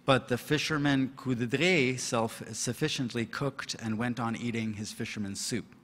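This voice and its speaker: A man's voice: mid-range voice, steady tone, fairly bright tone. Man reading aloud in a reverberant hall. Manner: deliberate, measured reading with hesitant asides full of fillers. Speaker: award-winning literary translator. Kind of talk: reading translated prose aloud at an awards reception. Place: reception hall. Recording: long reverb of a reception hall.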